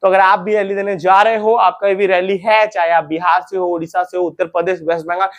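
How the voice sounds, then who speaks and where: A man's voice: high voice, flat delivery, brisk, highs cut off. A young man hosting an informal advice talk, chatty, repeating points and calling viewers friends and brothers. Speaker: recruitment info channel host.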